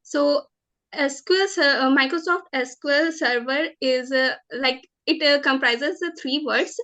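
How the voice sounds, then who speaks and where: A woman in her twenties with an Indian accent, giving formal interview answers as a job candidate in a nervous, halting, hesitant manner. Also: sits high, bright, forceful tone. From Jharkhand, India. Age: 20s.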